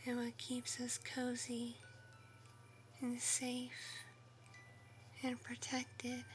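A woman voicing a tender, protective mother fox, softly whispering as she tucks her kits into bed. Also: a little high, completely flat delivery, very slow, faint music behind. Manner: soft whispering, soothing and affectionate. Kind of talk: ASMR roleplay, bedtime storytelling.

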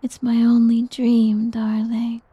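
A woman voicing a doting, possessive slime creature in an ASMR roleplay, whispering softly and teasingly. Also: on the high side, monotone, slow, no room sound, exaggerated voice. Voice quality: breathy. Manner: soft whispering, teasing and coaxing. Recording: dull lo-fi audio.

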